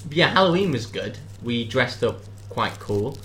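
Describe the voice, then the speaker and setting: Cheeky british guy cohosting a chatty podcast, quick jokey delivery, bit of background hiss. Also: mid-range voice, expressive, a bit bright. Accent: British English. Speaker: podcast co-host. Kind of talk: casual chat.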